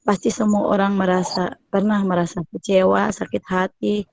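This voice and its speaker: A woman with a slight cough speaks on a video call, her voice dry and close to the mic. She shares her reflection earnestly in halting, thoughtful phrases. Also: mid-range voice, flat delivery, creaky, darkish tone, no room sound, rough recording. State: coughing, voice weak. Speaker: group member.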